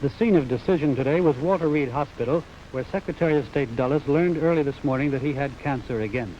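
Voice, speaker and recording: A correspondent with an American accent reads a scripted news report quickly in a mid-range voice, his delivery formal and declarative. The recording sounds like a dull 1950s broadcast with faint noise.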